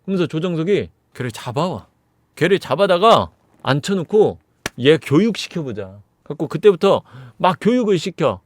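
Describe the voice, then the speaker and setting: A man recapping a movie in a casual, animated way, throwing in sound effects as he goes. His voice sits a bit high and swings widely in pitch. The recording is dry and close. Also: moderate pace, no echo. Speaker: movie reviewer.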